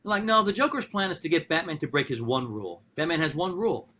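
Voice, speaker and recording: A man who is a philosophy professor, talking in a podcast conversation, animated and thinking aloud with frequent restarts. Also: fast, slight background noise. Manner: animated, talks through ideas with frequent restarts; acts out quotes with sudden high-pitched voices.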